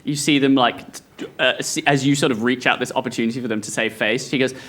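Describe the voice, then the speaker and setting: A man's voice: medium pitch, steady tone, fast talker, a bit bright. Rambling male game director. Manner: rambling, amused, descriptive. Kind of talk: narrating a tabletop role-playing game.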